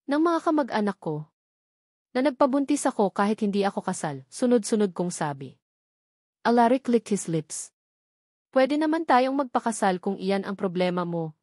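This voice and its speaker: A woman with a Filipino accent narrates a scripted first-person novel in a medium-pitched, somewhat dark voice. The recording is dry and clean, with studio quality.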